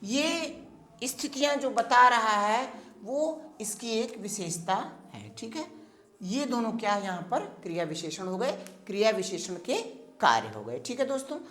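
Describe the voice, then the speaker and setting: Slow, echoey woman dictating a grammar lesson. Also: on the high side, big pitch swings, fairly bright tone. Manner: slow, repeats phrases for dictation. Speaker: teacher. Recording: echoey room.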